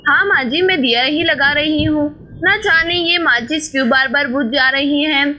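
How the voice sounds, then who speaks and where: A woman's voice: high-pitched, normal speed, bright, forceful tone, slight background noise. A woman voicing a friendly young village daughter-in-law in a doll story. She talks in a polite, chatty way.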